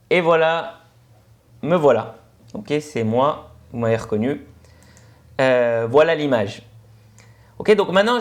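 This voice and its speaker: A man with a Senegalese French accent teaching a web coding lesson over a screencast, in a relaxed explanatory way full of "ok" and "euh" fillers. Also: on the high side. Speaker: instructor.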